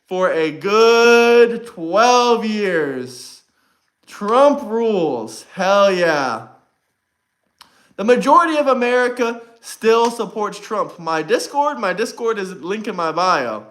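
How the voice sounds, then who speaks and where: A man's voice: sits high, very animated, takes it slowly, fairly bright tone. A young man hosting a livestream, chatting casually and brashly to his viewers, repeating himself often. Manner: brash, repetitive, talks straight to chat. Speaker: livestream host.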